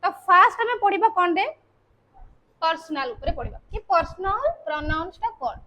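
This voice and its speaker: A woman's voice: extremely high pitch, expressive, normal speed, bright, forceful tone, rough recording. A woman teaching a grammar lesson, explaining patiently step by step and often ending points with a checking tag. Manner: patient step-by-step explaining, repeating key terms. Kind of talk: classroom lesson.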